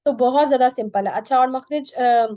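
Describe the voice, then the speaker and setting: A woman teaching Quran pronunciation in an online lesson, patiently drilling each sound by repeating it slowly. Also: high-pitched, mellow, no echo.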